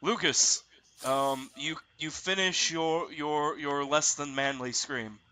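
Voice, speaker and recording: A man running a tabletop roleplaying game as game master, narrating haltingly and piecing sentences together. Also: fairly high pitch, fairly even intonation, sharp tone, low-quality recording.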